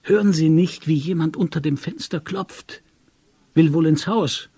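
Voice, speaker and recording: A narrator puts on a nervous grown man who calls out loudly and anxiously, his voice pushed up high and raised, with a husky, breathy edge. It comes from a storybook reading, close and dry. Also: measured pace, dry recording. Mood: worried. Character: uneasy adult man roused by knocking at night.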